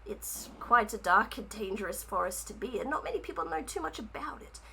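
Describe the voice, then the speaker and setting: A woman's voice: medium pitch, expressive, a little fast, vocal fry, bright, forceful tone, a little hiss or hum, rough recording. A woman voicing a flustered male rabbit-folk author who stammers and chatters eagerly. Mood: chatty.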